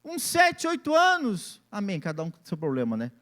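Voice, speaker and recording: A man's voice: sits high, wildly swooping pitch, moderate pace, a bit bright. A man, preaching a sermon as pastor and acting out family scenes in different voices.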